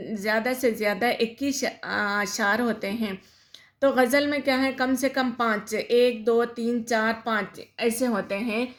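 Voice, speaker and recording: Woman teacher, a bit high-pitched, explains poetry to her class, keeps asking and answering her own questions. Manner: repeats questions and answers them herself, mixes in English words. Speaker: school Urdu teacher.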